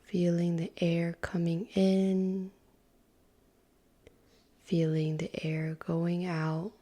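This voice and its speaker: Calm and unhurried, a woman leads a guided meditation in a fairly low-pitched voice. She speaks softly and breathily, lapsing into near-whispers and pausing at length between phrases.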